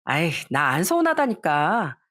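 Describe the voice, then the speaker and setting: A woman voicing a cheerful young bride-to-be who turns shrill and indignant when confronted, in a storybook reading. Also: wildly swooping pitch, measured pace, fairly bright tone, full character voice. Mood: falsely sweet. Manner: sweet chatty tone turning shrill and indignant.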